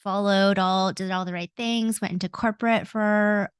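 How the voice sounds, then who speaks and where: In a podcast interview, a coach in her forties speaks earnestly and reflectively, with frequent ums and self-corrections. Born in Hong Kong and raised in Canada, she has a Canadian accent and a mid-range, fairly even, clean voice at normal speed. The studio-quality recording has no echo.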